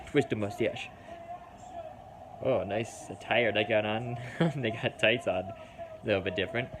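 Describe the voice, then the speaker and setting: A man with a Minnesota accent giving chatty, excitable live reaction commentary, swearing casually as he talks. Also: lowish voice, normal speed, noisy background. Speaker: wrestling reaction host.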